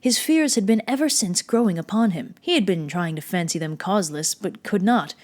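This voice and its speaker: A woman performing a dramatic gothic horror reading as a mad, obsessive murderer who insists on being sane, theatrical and deliberate, moving between hushed and swelling tones. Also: medium pitch, lively intonation, close to an everyday voice. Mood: sinister, knowing.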